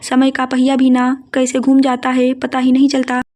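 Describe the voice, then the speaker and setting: A woman's voice: high voice, monotone, moderate pace, darkish tone, natural voice. A woman reading a sarcastic young bride. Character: bold young bride, outspoken daughter.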